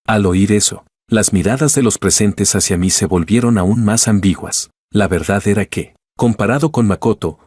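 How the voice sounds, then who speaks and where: Low-pitched man, husky voice, dry close sound, steady scripted story narration. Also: dry recording.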